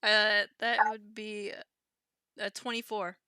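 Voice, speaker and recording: A woman player in a tabletop game, chatty and quick to laugh. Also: mid-range voice, level tone, pushed and bright, clean tone, no echo.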